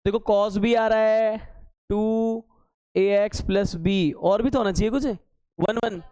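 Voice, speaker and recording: High-voiced teasing male math teacher. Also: steady tone, a little slow, warm tone, no room sound. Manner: teasing, scolding students with sarcastic asides; works steps aloud, repeating key terms as questions. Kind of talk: classroom lecture at a board.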